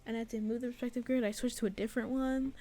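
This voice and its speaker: Racing along in a slightly high, level, dark-toned voice, a young artist and game developer narrates her devlog, rambling casually about her own art with giggles, self-deprecation and plenty of "like."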